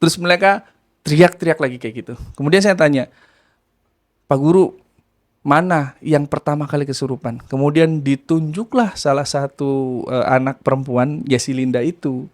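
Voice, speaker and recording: A man's voice: fairly high pitch, moderate pace. A man from Indramayu casually telling a true story, acting out voices and laughing as he goes. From Indramayu, West Java. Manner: lively, acts out quoted voices, laughs while telling.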